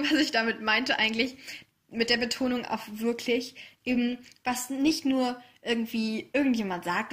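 A woman hosting a solo self-help podcast, talking in a gentle, encouraging way and laughing softly now and then. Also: fairly high pitch. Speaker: podcast host.

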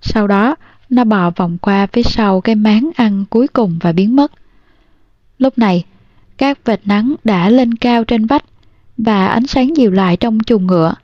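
A woman reading a novel aloud in a calm, measured way, as an audiobook narrator. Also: mid-range voice, no room sound, dull audio. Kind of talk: storybook narration.

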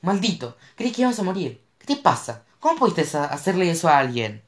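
A narrator voicing an anxious, dramatic teenage girl who wants to be a writer, with shrill, panicky outbursts. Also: big pitch swings, brisk. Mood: panicked, shouting. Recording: roomy echo.

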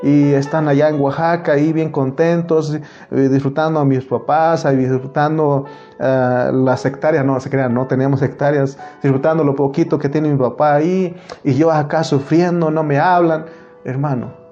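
A man's voice: on the high side, steady tone, normal speed, mellow. A man from Mexico preaching a sermon, earnest and personal, raising his voice when he quotes others. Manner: earnest, personal anecdotes, rising voice for quoted speech. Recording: muffled recording with faint instrument music.

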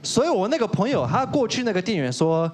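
High, animated man telling stories. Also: quick pace, over a noisy crowd. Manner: acts out quoted dialogue. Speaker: guest panelist. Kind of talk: animated talk-show anecdote.

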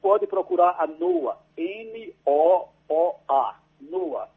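Speaking very slowly, this agricultural researcher guesting on a radio show describes his research by landline, careful and patient, repeatedly adding a questioning "right?". The man's high-pitched voice is creaky and slightly rough with huge pitch swings, and the sound is phone quality.

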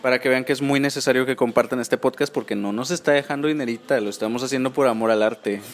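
A man's voice: medium pitch, fast talker. Chatty gossipy Mexican man hosting a podcast. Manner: chatty, informal, gossipy, often ends phrases with tag questions. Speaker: podcast host. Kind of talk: casual pop-culture chat podcast.

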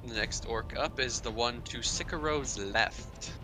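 A man's voice: mid-range voice, unhurried. A man narrating a tabletop role-playing game as the game master. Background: faint background music.

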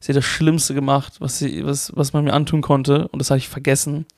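A man's voice: mid-range voice, flat delivery, brisk, darkish tone, no room sound, studio quality. A young man from Baden, a podcast co-host telling a story casually, with slang and lots of ums. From Baden, Germany. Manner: storytelling, swearing, hesitant fillers. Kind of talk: casual chat.

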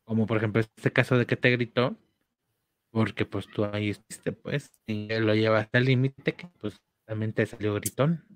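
A man's voice: fairly low pitch, steady tone, moderate pace, no room sound. A man on a casual podcast, rambling through hypothetical examples with many fillers. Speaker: podcast co-host.

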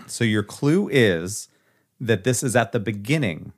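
A man's voice: on the low side, sing-song, slow, creaky, husky. A man hosting a casual chat, quizzing his friend on movie clips with easy jokes. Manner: jokey, runs a quiz game. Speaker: podcast host.

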